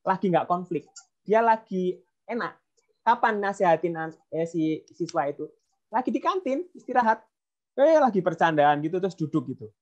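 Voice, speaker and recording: A man's voice: high voice, expressive, normal speed. Man giving a parenting talk online. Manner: storytelling, acts out dialogue, frequent fillers. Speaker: parenting speaker. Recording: dull lo-fi online audio.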